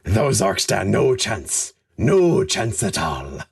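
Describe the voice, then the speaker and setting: A man hamming up a gruff pirate-voiced squat lord. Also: a little high, huge pitch swings, measured pace, sharp tone, no room sound, voice pushed up, exaggerated voice. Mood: muttering. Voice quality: mock-Scottish pirate brogue, hammy.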